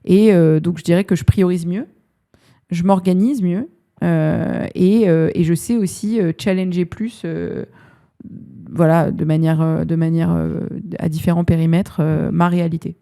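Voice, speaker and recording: Woman, 30s, podcast guest; low, gravelly, thinks aloud and searches for words. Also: fairly even intonation, measured pace, mellow. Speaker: guest HR director. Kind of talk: casual podcast interview.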